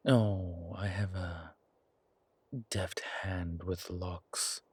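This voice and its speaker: Here the incubus demon of an intimate audio roleplay is given a deep, exaggerated voice by a male actor, husky, breathy and a little mellow. He teases in a suave, wry, deliberate manner with a level tone. No echo is present, and the mood stays teasing and dry.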